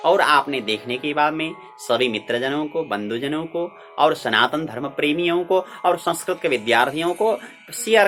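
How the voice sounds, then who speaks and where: Bright-voiced man chanting Sanskrit verses. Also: mid-range voice. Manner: explains each Sanskrit word in plain Hindi; steady measured chanting of verses. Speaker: Sanskrit scripture teacher. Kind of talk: recitation lesson, each verse chanted twice.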